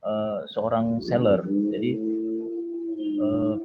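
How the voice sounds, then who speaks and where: A man, a doctor, giving an online seminar talk in a relaxed conversational way, with many filler sounds and tag words. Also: lowish voice, takes it slowly, narrow, tinny audio, noisy background.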